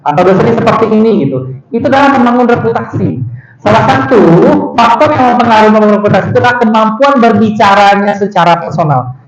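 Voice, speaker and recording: Fast-talking high-voiced man lecturing. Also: reverberant, highs cut off, soft background music. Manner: addresses audience as "saudara", frequent "gitu" tags, lively emphatic intonation. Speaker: guest lecturer. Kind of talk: seminar talk to university students.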